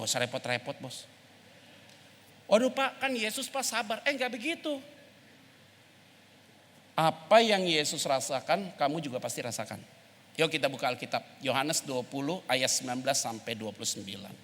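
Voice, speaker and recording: Animated pastor in a reverberant church. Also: male voice, mid-range voice, brisk, slight background noise. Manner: animated, colloquial, mixing English phrases, acting out dialogue. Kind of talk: sermon. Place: church sanctuary. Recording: long church hall reverb.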